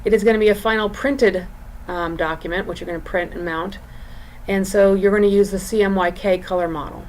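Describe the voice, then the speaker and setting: A woman college design instructor giving an informal recorded lesson and screen walk-through, explaining in a halting, drawn-out way. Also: mid-range voice, fairly even intonation. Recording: clear background room noise.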